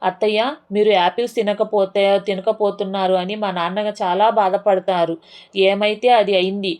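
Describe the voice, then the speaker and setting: A woman's voice: medium pitch, level tone, normal speed, a little mellow, natural voice. A woman voicing a sly, teasing young man from a family TV serial as she retells it.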